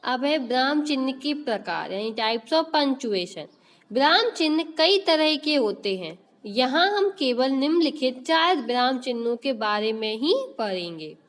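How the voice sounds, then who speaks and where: A woman school teacher runs an online class, quizzing children with repeated questions while she explains. Her voice is high, expressive and unhurried, with a long reverb tail.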